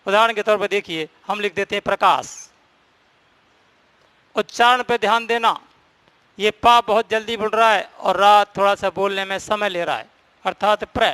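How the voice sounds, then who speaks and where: A man's voice: high-pitched, moderate pace, pushed and bright, clean tone, no room sound. A man teaching a Hindi grammar lesson, explaining rules step by step and repeating the key points.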